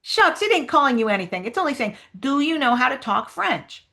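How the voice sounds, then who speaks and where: A woman's voice: sits high, very animated, brisk, a bit bright, pitched above the performer's own voice, full character voice. A woman reading aloud as a cocky boy who lectures his friend, in a raised, explaining voice. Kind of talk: reading aloud a novel dialogue.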